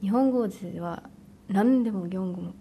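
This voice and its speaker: A woman answering in a casual interview, giggly and animated, speaking Japanese as a learner. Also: medium pitch, normal speed, a little hiss or hum. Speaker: interviewee, contestant.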